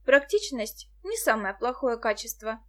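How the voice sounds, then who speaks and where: Woman doing a bold chatty girl in an audiobook, high and lively. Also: unhurried. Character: lively practical girl Vika, outspoken.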